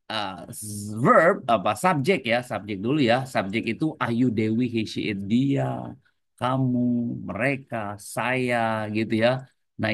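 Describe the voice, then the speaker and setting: A man's voice: medium pitch, dry recording. A man teaching an English lesson to adult learners online, explaining in a mix of two languages and tagging nearly every phrase with a casual "ya". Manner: explains in mixed English and Indonesian, tags phrases with "ya"; repeatedly addresses the class as friends. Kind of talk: online class lecture.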